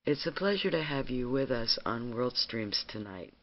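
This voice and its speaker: A man as radio host, reading a measured, formal show introduction. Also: mid-range voice, animated, a loud crowd. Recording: slightly muffled radio audio.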